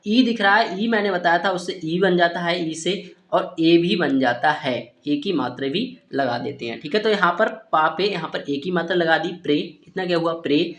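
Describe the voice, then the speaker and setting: A man with a fairly high, slightly bright voice, speaking at a moderate pace, runs a phonics lesson for Hindi speakers in an echoey space. He spells out English words letter by letter, says "ठीक है" over and over, and answers his own questions.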